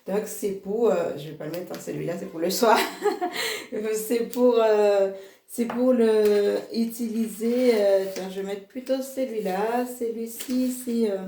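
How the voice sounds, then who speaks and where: Slow, hesitant woman in an echoey room. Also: medium pitch, dark tone. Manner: hesitant, many fillers and restarts, laughs at herself; slow, halting delivery. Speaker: product seller presenting her range. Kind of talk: casual product demo video.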